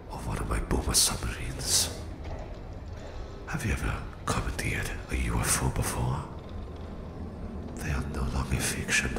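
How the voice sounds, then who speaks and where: A menacing Russian psychic villain gloats over his captive in this ASMR roleplay, his tone cold and threatening. The full character voice is a very deep, gravelly, breathy whisper, thick with creak and delivered deliberately, ringing with a roomy echo.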